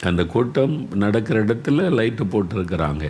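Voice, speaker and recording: A man's voice: on the low side, animated, normal speed, a little mellow, a little hiss or hum. A man preaching an earnest sermon, pleading with listeners through repeated questions.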